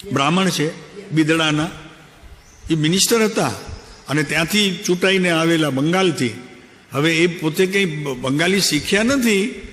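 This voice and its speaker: A man's voice: high-pitched, fairly bright tone. Older man giving a discourse in a hall. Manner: conversational and anecdotal, questioning the listeners. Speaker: spiritual teacher. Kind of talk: spiritual discourse. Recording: long hall reverb.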